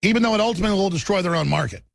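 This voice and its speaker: A man's voice: high voice, rapid-fire, creaky. A male talk show host asking heated, incredulous questions in a combative interview.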